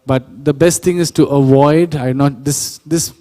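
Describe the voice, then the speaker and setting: A man's voice: a little high, steady tone, measured pace, mellow, long reverb tail. A man giving a workshop lecture on sound engineering, explaining step by step, correcting himself and quizzing the audience. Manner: explanatory, self-correcting, asks the audience questions. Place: church hall or auditorium.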